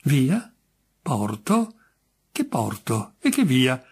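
A man's voice: fairly high pitch, lively intonation, unhurried, voice pushed up. A man doing a fierce, indignant jinx. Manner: indignant, insistent, sharply emphatic. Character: grim, touchy middle-aged man branded a jinx.

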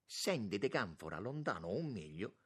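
A brisk aristocratic prince teases and scolds with amusement, as a male reader plays him. The voice is low with a husky grain. He speaks with lively rises. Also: exaggerated voice. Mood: mocking. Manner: teasing, brisk. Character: brisk mocking middle-aged male prince.

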